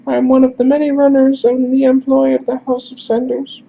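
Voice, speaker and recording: A man voicing a high-voiced, anxious and overly courteous male messenger in a game, in a dull lo-fi recording with faint hiss. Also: monotone, fairly quick, vocal fry. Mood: pleading courtesy.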